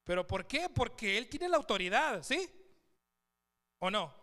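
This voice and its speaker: A man's voice: high voice, very animated, measured pace, sharp tone. A man preaching a sermon in a church, asking the congregation questions and reading scripture aloud. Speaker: pastor.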